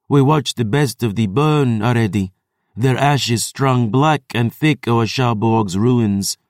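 A man's voice: mid-range voice, a little mellow, no echo, studio quality, lightly acted. A man voicing an ancient, cruel female vampire who taunts in archaic, contemptuous speech.

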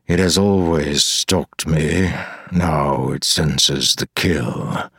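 A man's voice: vocal fry, a bit bright, slightly rough, no echo, studio quality, exaggerated voice. A man voicing an ancient weary demigod. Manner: slow, heavy, low delivery. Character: ancient weary male demigod, grave and slow.

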